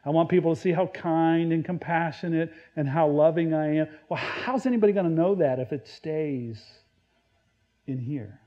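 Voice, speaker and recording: A man preaching a sermon in a conversational way, stumbling and restarting, now and then acting out Bible quotes loudly. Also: on the high side, normal speed, highs cut off. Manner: conversational, self-deprecating preaching with many restarts. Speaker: pastor.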